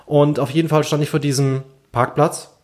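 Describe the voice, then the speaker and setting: A man telling everyday work anecdotes in casual chat, lively and full of fillers. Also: on the high side, moderate pace. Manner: lively anecdotal, with many fillers and acted dialogue. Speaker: podcast co-host telling anecdotes. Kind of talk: casual storytelling.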